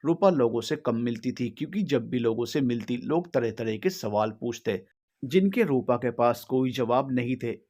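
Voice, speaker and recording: Male narrator, solemn and steady, reads a sad family story. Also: mid-range voice, moderate pace.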